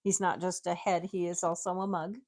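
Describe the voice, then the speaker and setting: A woman's voice: on the low side, little pitch movement, a little fast, darkish tone. A woman guest in a casual chat, explaining her collection at length and laughing often. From United States. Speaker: guest, tiki mug collector. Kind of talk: casual chat, show-and-tell.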